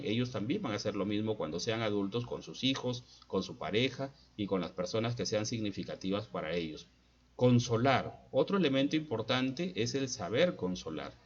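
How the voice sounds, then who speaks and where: A man's voice: lowish voice, slightly rough, muffled recording. A man giving an instructional talk to parents, posing points as repeated rhetorical questions. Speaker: speaker advising parents.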